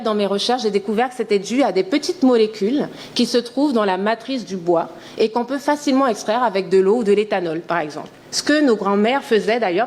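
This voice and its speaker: A woman's voice: mid-range voice, a little mellow. A woman in her thirties from French Guiana, an entrepreneur giving a conference talk, speaking earnestly and with enthusiasm, with frequent hesitations. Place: conference hall.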